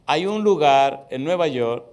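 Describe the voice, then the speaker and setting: Male pastor, middle-aged, slightly high voice; storytelling sermon, punchy repetition, direct questions to the congregation. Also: expressive, a little slow, a little mellow. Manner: emphatic, repeats key words for stress; addresses listeners directly with questions.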